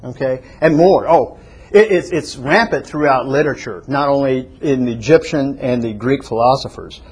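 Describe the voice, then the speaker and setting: A man preaching a sermon, reading slowly from a prepared text and rising to emphatic peaks. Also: medium pitch, slightly rough. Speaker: pastor.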